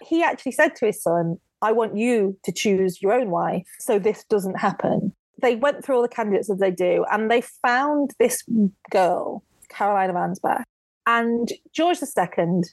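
Woman guest, lively storyteller, close dry mic. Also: medium pitch, dry recording. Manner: lively storyteller who acts out quotes. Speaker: guest author and historian. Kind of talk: casual podcast interview.

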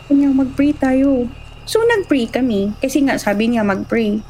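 A woman's voice: on the high side, a little fast, a little hiss or hum, low-quality recording. A young adult woman telling a personal ghost story in casual chat, acting out the voices she quotes. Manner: animated, acts out quoted voices.

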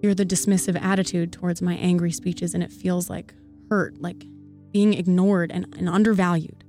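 Give me a woman reading a love poem aloud, earnest and soft, with a warm, low voice and light music behind her. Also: little pitch movement, moderate pace. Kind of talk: spoken-word poetry reading. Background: faint background music.

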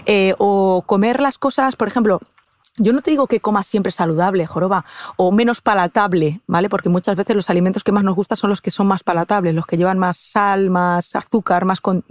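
A woman from Castilla-La Mancha with a Spanish accent, a guest in a podcast interview, explaining calmly with many fillers and restarts. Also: medium pitch, brisk, no room sound. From Castilla-La Mancha, Spain. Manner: explanatory, frequent "eh" fillers and restarts, addresses host directly. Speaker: guest expert on habits. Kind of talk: conversational interview.

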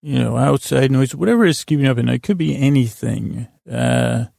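On his sleep podcast, a middle-aged host drifts through a bedtime monologue, pausing often, trailing off mid-tangent, and poking dry, whimsical fun at himself in a hesitant way. His voice sits at medium pitch, gravelly and dark, in clean studio audio without room sound.

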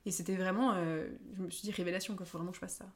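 A young woman from France chatting casually as a guest, talkative, laughing often and filling pauses with "euh". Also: on the low side, steady tone. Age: young adult. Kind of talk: casual chat.

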